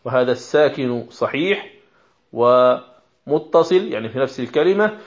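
A man teaches a lesson on the rules of Quran recitation, explaining carefully and sounding out example words aloud. His mid-range voice has lively intonation at a normal speed, captured in a dull lo-fi recording.

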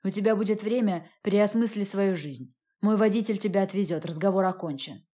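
A woman's voice: medium pitch, a little fast, dark tone, lightly acted. A woman reading the lines of a cold, domineering wealthy man in an audiobook, speaking curtly. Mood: angry. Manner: curt and cold.

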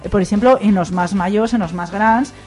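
A woman's voice: medium pitch, moderate pace, darkish tone, faint music behind. A woman with an Aragonese accent, talking on a radio panel in a rambling, emphatic way. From Aragón. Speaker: radio show guest. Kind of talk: casual roundtable chat.

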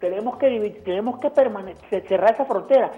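Calling a radio show with the phone held away from her, a woman sounds faint, and the line is dull. She's indignant and trips over words as she talks. She speaks at a medium pitch and a quick pace, and soft music plays behind her.

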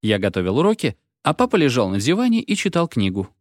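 A man reading a story aloud in an expressive storybook narration. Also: mid-range voice, quick pace, no room sound, studio quality. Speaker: audiobook reader.

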